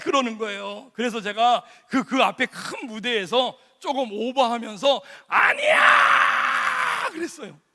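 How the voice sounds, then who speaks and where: A male pastor preaching a lively sermon, telling stories, shouting some lines and quizzing the congregation. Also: high voice. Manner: animated storytelling, shouting lines, asking the congregation. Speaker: guest pastor. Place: large church sanctuary. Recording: long church hall reverb.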